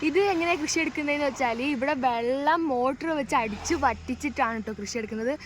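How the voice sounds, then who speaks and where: A woman from Wayanad, Kerala, India, with a northern Kerala Malayali accent, speaks quickly in a high-sitting voice. She's a travel vlogger filming a casual, enthusiastic vlog outdoors by backwaters, paddy fields and on a canoe, mixing English words into her Malayalam and addressing viewers, in a noisy recording full of ambient sound.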